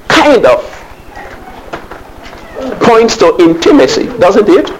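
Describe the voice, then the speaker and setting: A man preaching to his congregation, his voice swooping up and down with each point and sitting a little high for a man. He questions the listeners and sprinkles hallelujahs through his sermon, with faint noise underneath. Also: rough recording. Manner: call-and-response preaching, frequent hallelujahs. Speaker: pastor.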